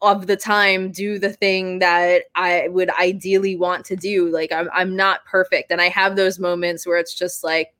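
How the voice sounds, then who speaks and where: A woman's voice: fairly low pitch, flat delivery, unhurried, few pauses, fairly bright tone, no room sound. A woman in her mid-thirties, a guest in an interview, speaking candidly and laughing easily. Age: 30s. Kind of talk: casual interview conversation.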